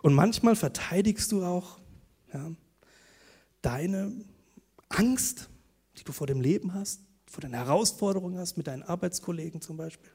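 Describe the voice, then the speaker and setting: Male preacher, high husky voice, chatty sermon delivery with frequent asides. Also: moderate pace, pauses often. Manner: conversational, animated storytelling with tag questions.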